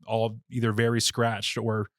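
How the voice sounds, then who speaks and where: A man's voice: lowish voice, monotone, unhurried, no room sound, clean studio sound. A man hosting a podcast, chatting casually with a guest, rambling and joking at his own expense. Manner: rambling, self-deprecating, jokey. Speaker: podcast host. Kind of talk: casual chat.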